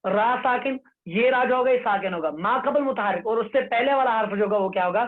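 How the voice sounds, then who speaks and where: High-voiced male teacher on a tinny line. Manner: slow, repetitive, drills rules and has students repeat. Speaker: Quran recitation teacher. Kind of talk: online lesson with recited examples. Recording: tinny phone-like online class audio.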